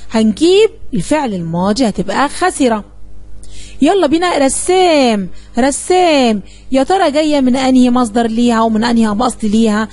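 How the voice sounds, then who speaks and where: Brisk, fairly high-voiced Egyptian woman teacher. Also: a little mellow. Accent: Egyptian Arabic. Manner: coaxing, asks the class questions and answers them. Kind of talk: classroom lesson explanation.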